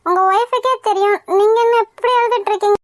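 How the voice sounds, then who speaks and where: A woman's voice: extremely high pitch, steady tone, quick pace, no room sound, clean studio sound. A woman voicing an anxious young woman in a cartoon, fretting and reassuring. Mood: worried. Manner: fretful, anxious. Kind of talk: Tamil cartoon voice acting.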